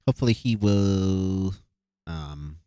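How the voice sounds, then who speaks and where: This live-stream host has a low, dark, smooth voice and talks slowly, captured in a dry, clean studio recording. Reviewing beatbox entries, he works out his judgments out loud. Hesitant fillers and restarts run through the casual commentary.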